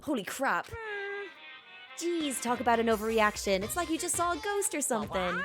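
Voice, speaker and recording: A woman's voice: on the high side, very animated, normal speed, music in the background. A woman voicing a gleeful, childish robot bear villain from a video game, teasing and exaggerated.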